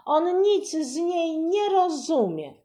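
A woman voicing a loud, boastful little girl who shouts and interrupts. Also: a little high, lively intonation, very slow, pitched above the performer's own voice, full character voice. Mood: shrill boastful.

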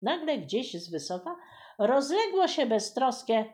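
Expressive woman reading a children's story. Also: high voice, unhurried. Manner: explains old words for children.

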